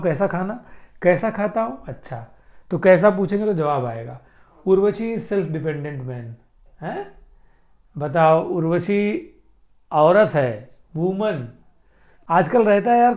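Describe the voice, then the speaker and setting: Male tutor, slightly higher voice, teaching grammar by reading English examples slowly and answering his own questions. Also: a little mellow. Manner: explains by repeating himself, asking questions and answering them; reads English example sentences slowly and deliberately. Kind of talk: Hindi-language grammar lesson.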